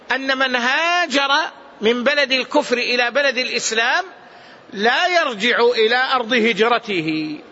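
A man's voice: very high-pitched, pushed and bright, lo-fi sound. A man teaching a mosque lesson on hadith as a sheikh, repeating key phrases for emphasis. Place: large mosque.

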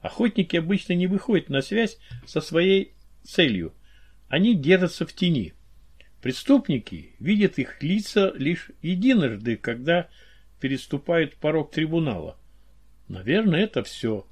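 A man reading the part of a weary male informant who explains things in a measured way, in an audiobook. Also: fairly high pitch, sing-song, husky. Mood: explaining.

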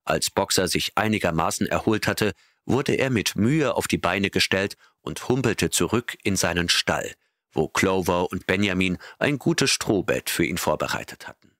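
A man reading an audiobook in a steady, measured narration. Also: sits low, no room sound, studio quality. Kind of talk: scripted narration.

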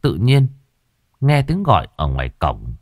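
A man narrating a ghost story in a dramatic, animated way. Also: on the low side, unhurried, no room sound, studio quality.

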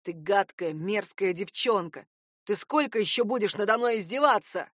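A woman voicing a desperate, obsessive young man who hisses and growls his lines, hoarse and threatening. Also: medium pitch, moderate pace, fairly bright tone, no echo, clean studio sound, lightly acted. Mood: obsessive, menacing. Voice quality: hoarse, hissing. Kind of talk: audiobook character voice.

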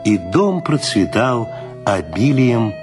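A man narrating a literary radio drama in a calm, measured reading. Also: medium pitch, music in the background.

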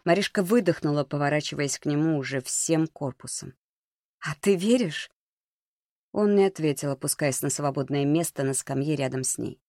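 Steady male audiobook narrator. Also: on the high side, fairly quick, hardly any pauses, no room sound, studio quality.

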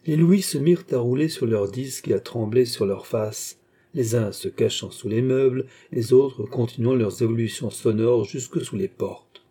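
A male audiobook reader narrates a classic novel in a slow, measured way. His voice is very dark and somewhat husky. It sits at a middle pitch.

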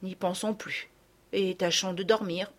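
A woman reading a storybook as a quick-tempered young girl talking to herself defiantly. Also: medium pitch, fairly even intonation, natural voice. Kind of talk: audiobook reading.

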